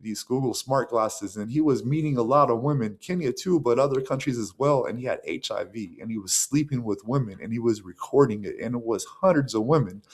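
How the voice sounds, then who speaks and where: A man's voice: brisk, hardly any pauses. Rambling American man talking to camera. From United States. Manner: rambling, with many fillers and restarts; acts out the voices of others in a raised pitch. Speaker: vlogger. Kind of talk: casual monologue to camera.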